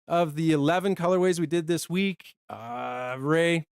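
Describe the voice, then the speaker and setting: A man co-hosting a casual product live stream, chatty and quick, sometimes short of breath. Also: a little high, clear, resonant tone, no echo. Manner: chatty, talks fast and runs out of breath.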